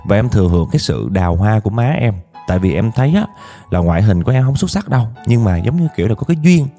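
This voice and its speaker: A man with a Southern Vietnamese accent narrates a listener's life story in the first person, chatty and confiding, often turning to speak to his audience. His voice is low and mellow, with faint music playing behind him. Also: big pitch swings, quick pace.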